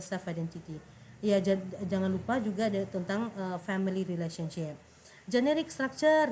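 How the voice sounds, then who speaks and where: An Indonesian-accented woman teaches an English lesson, switching between languages and drilling each word slowly and clearly. Her voice sits at a middling pitch. A faint hiss runs under the recording. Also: a little mellow. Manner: slow careful word-by-word pronunciation drills. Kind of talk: bilingual classroom lesson.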